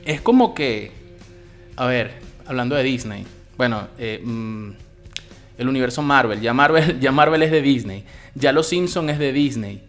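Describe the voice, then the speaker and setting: A man with a Venezuelan Spanish accent giving a loose, opinionated film review, swearing casually as he talks. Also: mid-range voice.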